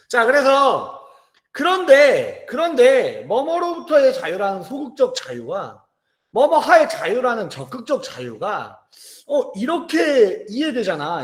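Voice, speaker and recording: A man in his thirties teaching a lecture, telling stories lively, joking with students and acting out voices. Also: high-pitched, roomy sound. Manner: lively storytelling, acts out voices, jokes with students. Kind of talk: animated classroom lecture. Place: classroom.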